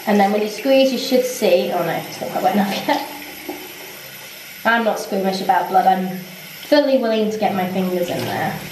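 A young woman, chatting candidly to a handheld camera in a holiday flat. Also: medium pitch, normal speed, slight background noise. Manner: chatty and candid, with small restarts. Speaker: vlogger. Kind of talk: casual vlog. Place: holiday rental flat, bathroom and sitting room. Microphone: handheld camera at arm's length. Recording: echoey small rooms.

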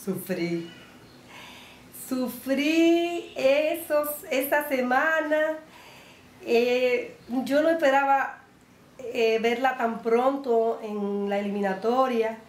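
A woman talking emotionally and haltingly in an interview. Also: sits high, roomy sound, slight background noise. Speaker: family member of contestant. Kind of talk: sit-down interview.

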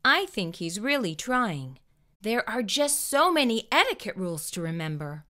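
With big swings in pitch around a mid-range voice, a middle-aged woman reads to children at a moderate pace, her tone pushed and bright. She hosts the storytime with exaggerated, expressive emphasis, addressing the young audience head-on. She's miked with a lapel mic in a small furnished room.

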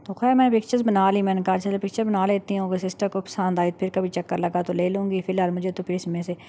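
A woman's voice: medium pitch, level tone, fast, dark tone, slight background noise. A middle-aged woman from Pakistan with a Punjabi-tinged Urdu accent, chatting casually in a vlog voice-over. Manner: chatty, matter-of-fact, recounting haggling. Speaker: vlogger.

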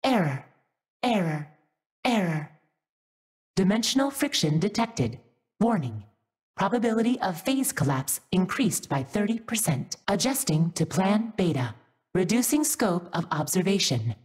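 An actress voicing an artificial female unit in a video game, a glitching robot voice giving flat machine-like status reports and error messages. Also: mid-range voice, unhurried. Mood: mechanical. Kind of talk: video game story cutscene.

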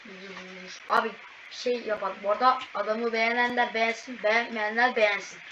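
A woman commentating a video game as she plays, excitable and exclaiming at every fail and win. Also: on the high side, fast talker. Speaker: gaming channel host. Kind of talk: live gameplay commentary. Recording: distant, muffled mic with loud background noise.

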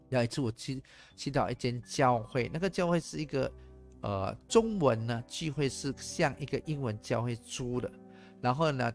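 A male pastor delivers an animated sermon, asking the congregation rhetorical questions and slipping in English phrases. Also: mid-range voice, vocal fry.

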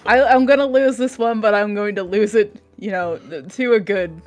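A woman's voice: mid-range voice, moderate pace, soft background music. A woman chatting casually as a guest on a game stream, giggling and trailing off mid-sentence.

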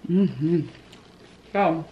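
In her home living room, a vlogger in her thirties eats and chats casually with her viewers, addressing them as "y'all." Her voice sits low with drawn-out words. The recording has the highs cut off and a little hiss or hum.

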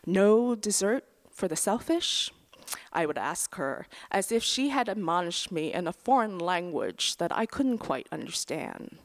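Woman reading a memoir aloud, slow and low. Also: very animated. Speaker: writer reading her essay. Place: stage at a lectern in a large auditorium. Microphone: lectern microphone.

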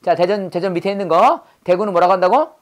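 A woman's voice: on the low side, fast. Lady running an english word drill, says it, has them repeat, keeps quizzing. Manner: drills words with repeated prompts and quizzing questions. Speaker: English vocabulary teacher. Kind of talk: call-and-response language lesson.

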